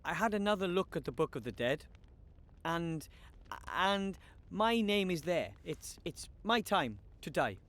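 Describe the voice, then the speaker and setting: A man's voice: high voice, very animated, measured pace, fairly bright tone, slight background noise, exaggerated voice. A male actor voicing Wilbur, an earnest, chatty young gnome in a video game.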